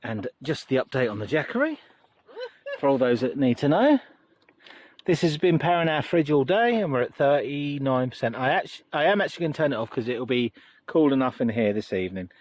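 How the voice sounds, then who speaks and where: A man's voice: mid-range voice, a little mellow. A British man chatting casually and jokily through a camping vlog, showing off a tent. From United Kingdom. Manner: jokey, chatty, laughs often. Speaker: vlogger giving a tent tour. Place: inside a large tent at a campsite.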